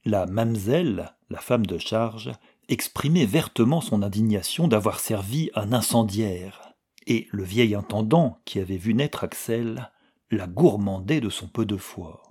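Low, husky male audiobook narrator. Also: animated, a little slow, dark tone. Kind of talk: audiobook reading.

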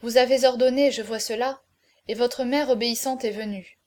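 A grave, noble hero facing his death speaks in solemn, measured sentences, read by a woman. The voice sits fairly high for the part and stays calm. It suits a classic adventure audiobook. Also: natural voice. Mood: tender. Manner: solemn, measured farewell speeches. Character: noble condemned male hero, grave and tender. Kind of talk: audiobook character reading.

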